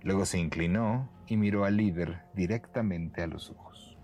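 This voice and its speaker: A man narrating a bedtime story for children in a gentle, expressive way. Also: deep voice, moderate pace, soft background music.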